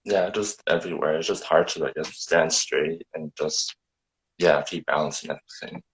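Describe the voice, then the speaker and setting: A man answering casually and haltingly as a hypnosis volunteer. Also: very deep voice, slightly rough, poor audio.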